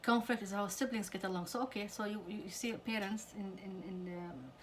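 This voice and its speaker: A woman's voice: mid-range voice, fairly quick, slight background noise. A middle-aged woman counselor giving an earnest talk to parents about conflict with teenagers. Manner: earnest, acts out quoted parents and teens. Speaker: family counselor.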